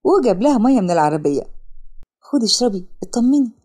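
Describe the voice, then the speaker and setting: A woman voicing a kind, calm young man with an Egyptian accent, gentle and reassuring in a storybook narration. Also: on the high side, quick pace, husky. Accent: Egyptian Arabic. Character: kind, calm wealthy young man who rescues her.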